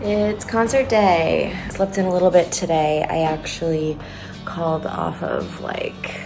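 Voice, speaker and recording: A woman's voice: low voice, very animated, unhurried, vocal fry, over music. A woman chatting casually about her day in a vlog, informal and self-deprecating. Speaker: vlogger, freelance musician.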